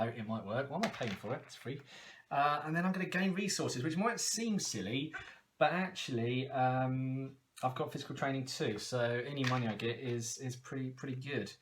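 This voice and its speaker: Excitable man playing a card game. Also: mid-range voice, background noise. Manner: excitable, laughs often, talks to himself. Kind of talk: casual game playthrough commentary.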